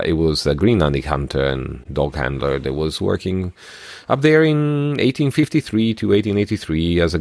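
A man's voice: rumbling low, no echo. A man co-hosting a podcast, nasal from a cold, explaining things carefully in casual chat. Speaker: podcast co-host.

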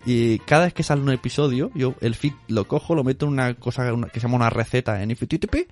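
A man co-hosting a podcast in casual banter, jokey and quick at reading out lists. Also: medium pitch, a little mellow, faint music behind. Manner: jokey, rapid list-reading, bursts of laughter. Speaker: podcast co-host.

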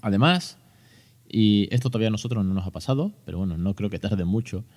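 A man in his thirties with a Spain Spanish accent talks on his podcast into a close mic. His voice sits a little low. He is chatty and joking, full of fillers and restarts. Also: fast, a little mellow. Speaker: podcast host. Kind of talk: casual educational podcast talk.

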